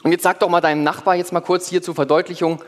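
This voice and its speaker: A man preaching a sermon in first person as one of the apostles, lively, with playful asides to his congregation. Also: high voice, quick pace. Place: church hall before a congregation. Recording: long hall reverb.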